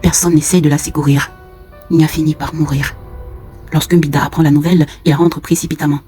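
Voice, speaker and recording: A solemn storyteller telling a dark folk tale and turning to the listeners directly. The voice sits at an ordinary middle pitch. Faint music runs throughout. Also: flat delivery, a little fast. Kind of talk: dramatic folk-tale narration.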